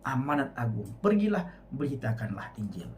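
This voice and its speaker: Animated man preaching his testimony. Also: mid-range voice, moderate pace, a little hiss or hum. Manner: emphatic, addresses listeners often.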